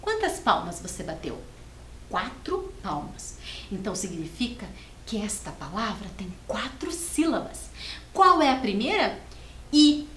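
A woman teacher leading a televised first-grade lesson, reading slowly and sounding out words syllable by syllable in a sing-song way. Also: medium pitch, sing-song, fairly bright tone, slight background noise. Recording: echoey studio with faint ambience.

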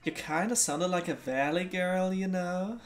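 A woman with a very low voice speaks slowly while gaming with friends. She often trails off into hesitant, puzzled questions. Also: soft background music. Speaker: game player. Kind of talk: casual chat while gaming.

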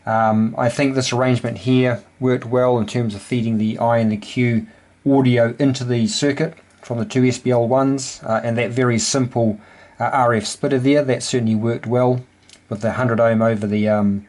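A man's voice: mid-range voice, steady tone, moderate pace, a little mellow. A man with a New Zealand accent talking casually and a little hesitantly about his hobby, in an easygoing explaining manner. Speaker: amateur radio builder and host. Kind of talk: casual hands-on hobby demonstration. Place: indoor home electronics workbench.

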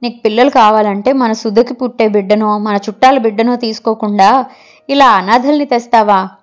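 A woman's voice: on the high side, moderate pace, close to an everyday voice. A woman voicing an upset elderly mother who wails out a reproachful complaint in a storybook reading. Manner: wailing, reproachful.

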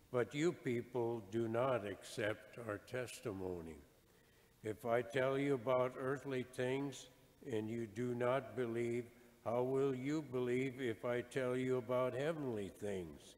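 Man, deacon, very slow measured gospel reading, formal, long church reverb. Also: medium pitch, darkish tone. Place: large church.

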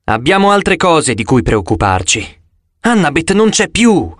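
A man's voice: on the high side, very animated, a little slow, a bit bright, no echo, studio quality, heavily acted. A man voicing a blunt, hot-tempered teenage girl in an audiobook. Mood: sharp.

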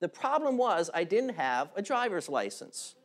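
A male pastor preaching a sermon in an animated, emphatic way, drawing out key words. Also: high-pitched, normal speed.

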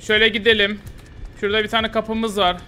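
Excitable high, bright-voiced young man. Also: fairly quick, slight background noise. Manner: excitable, taunting, laughs often. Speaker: gaming YouTuber. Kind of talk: live gameplay commentary.

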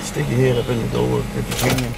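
A middle-aged man, a fan, chatting excitedly outdoors by a truck. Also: medium pitch, brisk, creaky, very noisy. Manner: excited, keeps saying "oh my goodness". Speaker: fan and subscriber. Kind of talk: casual chat. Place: outdoors by a truck at a gas station.

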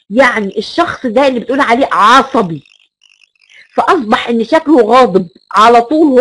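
Egyptian woman lecturer, slightly high voice, keeps repeating and stressing words. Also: a bit bright, husky, low-quality recording. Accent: Egyptian Arabic. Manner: emphatic, repeats key words and rhetorical questions. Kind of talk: recorded online lecture.

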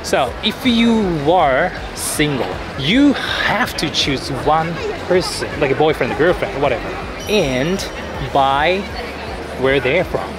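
A man with a Japanese accent interviews strangers outdoors, his voice swinging up and down as he echoes their answers. A loud crowd and music fill the city square behind him. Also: fairly high pitch, takes it slowly. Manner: animated, laughs often, repeats answers back. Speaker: street interviewer. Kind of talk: casual street interview.

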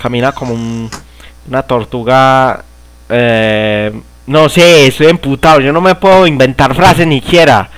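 A young Colombian gamer with a Paisa accent plays a horror game, his mid-range voice steady, unhurried, a bit bright, with no echo and game music behind him. His angry let's-play commentary is full of cursing, grumbling, shrieks, and laughter in mock panic.

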